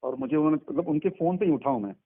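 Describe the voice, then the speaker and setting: Over a tinny phone line, a man with a rather high, gravelly voice talks very fast. He's an artist's manager being interviewed, answering questions in a casual, familiar and reassuring manner.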